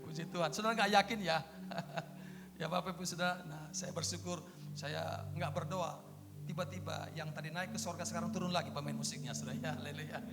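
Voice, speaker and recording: A pastor in his fifties preaching a sermon in a church hall, moving from quiet storytelling to loud exclamations of praise. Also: fairly high pitch, steady tone, a little fast, gravelly, background noise. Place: church hall with music playing. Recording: long hall reverb with music.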